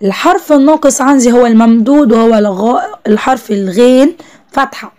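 A young woman with an Egyptian Arabic accent teaches a first-grade class, praising the children often. Her voice sits fairly high but sounds mellow and soft-edged. She stretches out each word slowly when she spells it. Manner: drawn-out slow spelling of words, encouraging praise to children.

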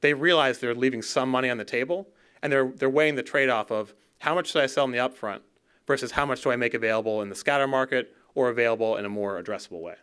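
Talking fast with a smooth, fairly bright voice at medium pitch, a keynote speaker in his thirties addresses a conference from a podium on a dark auditorium stage. He keeps it conversational, occasionally repeating words when restarting a phrase, and a podium gooseneck mic picks him up.

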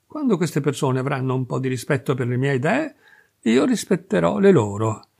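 A man's voice: mid-range voice, sing-song, moderate pace, vocal fry, a little mellow, husky, exaggerated voice. A male reader voicing a brash, mocking freethinking Parisian man who talks boastfully and scornfully.

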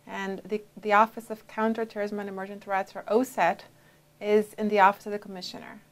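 A woman in her forties, originally from Brazil, answering interview questions in a measured way with frequent pauses and fillers, on a lapel mic in a dark studio. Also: medium pitch, little pitch movement. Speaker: interviewee, FDA official.

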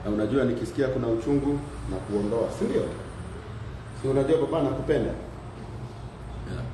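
A man's voice: medium pitch, fast. Coaxing man in an echoey clinic. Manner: encouraging, coaxing, mixes Swahili and English. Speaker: vlogger and father. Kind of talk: casual vlog chat. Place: dental clinic, indoors. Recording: echoey room with background noise.

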